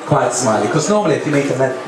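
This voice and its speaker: A man's voice: medium pitch, sing-song, racing. Campy drag queen, echoey live room. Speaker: drag cabaret performer and host. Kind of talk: live stand-up comedy patter with audience banter. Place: live cabaret stage in a music cafe. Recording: echoey live venue, distant mic, loud crowd noise. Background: loud audience noise and laughter.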